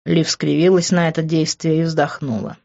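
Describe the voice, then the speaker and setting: A woman narrates a first-person novel in a deep, steady voice. The audio is somewhat dull and lo-fi. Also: normal speed, vocal fry. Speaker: audiobook reader.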